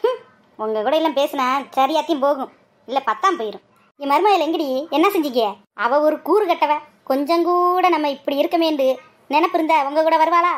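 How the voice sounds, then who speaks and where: A woman plays a fiery old village mother-in-law in a cartoon, scolding and wailing in a Madurai Tamil accent. The voice sits very high and shrill for an older woman. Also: fairly quick, natural voice. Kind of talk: cartoon voice acting.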